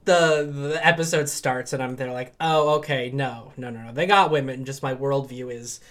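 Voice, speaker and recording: A man's voice: medium pitch, steady tone, moderate pace, a bit bright. A man co-hosting a podcast as a professor, in rambling casual chat full of ums and restarts.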